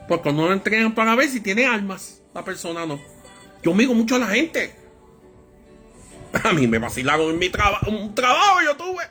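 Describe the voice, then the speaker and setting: A man with a high voice preaches a Bible study sermon, telling stories in a lively way and acting out the voices of people in his anecdotes.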